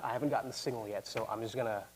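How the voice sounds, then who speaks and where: A man's voice: mid-range voice, steady tone, rapid-fire, slight background noise, poor audio. A man playing a tabletop role-playing game, hesitant and restarting as he decides his moves. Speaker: player.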